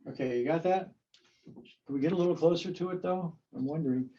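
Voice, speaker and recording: A man's voice: fairly high pitch, fairly quick, warm tone, lo-fi sound, slight background noise. A man giving an indoor seminar as a flight safety instructor, folksy and emphatic with rhetorical asides while drawing on a board.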